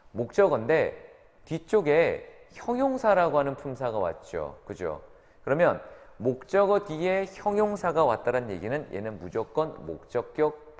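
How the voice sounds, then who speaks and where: A man teaching an English grammar lesson to students, often checking in with short tag questions. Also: mid-range voice. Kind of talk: classroom grammar lecture. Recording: reverberant lecture room.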